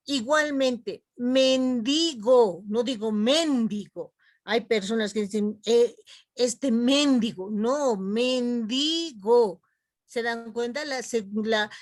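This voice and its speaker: Lady teacher going slow and explaining, high-pitched, talks to the students like kids. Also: no room sound, studio quality. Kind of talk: online class lecture.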